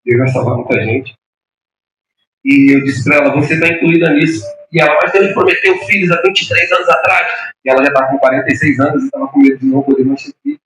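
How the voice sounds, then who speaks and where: Male pastor, impassioned sermon, raised pitch, recorded distant in a reverberant church. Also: lively intonation, quick pace, slight background noise. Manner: impassioned preaching, voice rising to shouts. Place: church hall.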